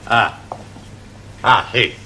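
A man's voice: extremely slow, pushed and bright, full character voice. An actor playing a cheerful Spanish barman student who speaks broken English with a heavy Spanish accent, in a sitcom scene. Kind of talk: 1970s studio sitcom acting. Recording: noisy studio audience laughter. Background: studio audience laughing.

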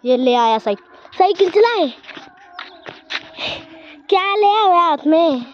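A woman chats her way through a casual walking vlog outdoors in a village around her home, holding her phone as she walks and constantly telling viewers to look. Her voice is extremely high with lively intonation and a slow pace. The highs are cut off and there's slight background noise.

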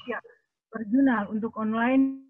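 A woman's voice: a little high, fairly even intonation, unhurried. A woman asking hesitant questions in a webinar, her voice breaking up over a bad online connection. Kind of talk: online video call questions. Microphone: video call. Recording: tinny phone-like line, cutting out.

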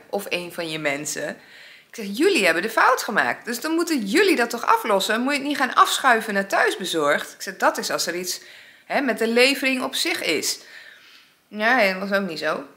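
A woman's voice: fairly high pitch, big pitch swings, moderate pace, sharp tone. A woman vlogging, casually telling a story and acting out both sides of an argument. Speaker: vlogger, single mother.

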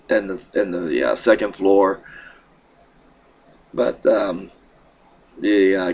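Recording on his desk webcam in a small room indoors at home, a Pennsylvania vlogger offers a casual update. He's a middle-aged man with a low, froggy voice, and his talk rambles along haltingly, full of fillers and restarts.

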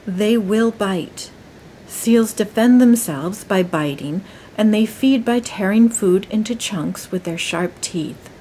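A woman narrating a nature documentary in a calm, measured and gentle way. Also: medium pitch, a little hiss or hum, rough recording.

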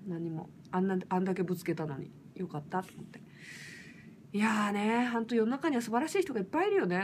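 Lively woman chatting on a late livestream. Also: on the high side, a little hiss or hum. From Fukushima. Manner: lively, rough casual speech with frequent laughs. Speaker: singer livestreaming. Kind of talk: casual late-night livestream chat.

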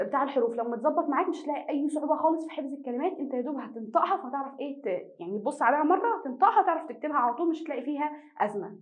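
Fast-talking high-voiced Egyptian woman teacher. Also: lo-fi sound. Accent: Egyptian Arabic. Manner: repeats each word twice slowly for students; asks and answers her own questions. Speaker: Italian language teacher. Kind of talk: online class lesson.

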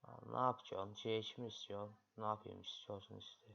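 A man's voice: lowish voice, fairly even intonation, fairly quick, creaky. A man commentating his own online chess games, grumbling and muttering in frustration at his opponent. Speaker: chess streamer. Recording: lo-fi, loud background noise.

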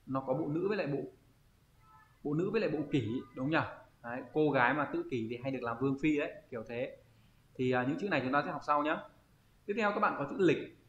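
A man's voice: on the high side, expressive, a bit bright. Man teaching, roomy sound. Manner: thinks aloud, pauses to search for words. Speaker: Japanese teacher. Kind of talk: online kanji lesson. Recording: roomy, slightly dull audio.

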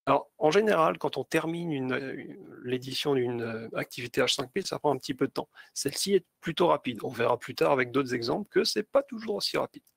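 Gravelly French trainer explaining software. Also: male voice, mid-range voice, lively intonation, brisk, hardly any pauses, dry recording. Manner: explains step by step with many fillers. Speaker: teacher trainer. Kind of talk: screen-share tutorial.

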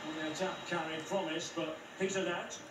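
A man giving play-by-play football match commentary in measured calls. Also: fairly high pitch, flat delivery. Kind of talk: sports commentary. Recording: echoey, distant game audio with loud noise.

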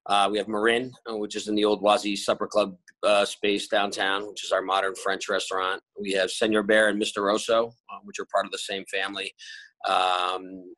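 A restaurant-group owner in his forties answers interview questions over a video call from a bright room at home, rambling with lots of fillers and restarts. His voice sits on the low side with little pitch movement, normal speed and a fairly bright tone. The laptop-camera audio is rough but has no echo.

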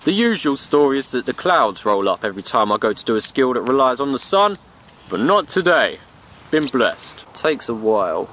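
Lively, jokey young British man outdoors. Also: mid-range voice, moderate pace, slight background noise. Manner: playful, slangy and jokey. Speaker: bushcraft vlogger. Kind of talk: casual outdoor narration. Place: outdoors in woods and meadow.

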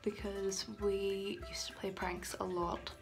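A young woman from Northern Ireland vlogs from a small indoor bathroom with tiles, talking casually to a phone camera at arm's length as music plays in the background. She speaks slowly in a mid-range voice with vocal fry and little pitch movement, giggling and dropping into whispers.

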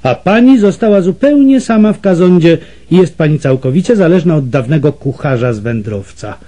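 A man's voice: fairly high pitch, lively intonation, brisk, warm tone, pitched above the performer's own voice. A man voicing a scheming, mocking Portuguese slave trader in an audiobook, speaking with menace and scorn. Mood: sneering, menacing. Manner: sneering and menacing.

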